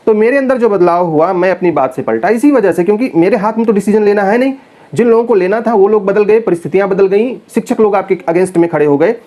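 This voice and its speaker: A male teacher with a fairly high but mellow, warm voice talks straight to his students. He is earnest and persuasive and keeps calling them children as he makes his case. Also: fast. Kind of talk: casual direct-to-camera talk to students.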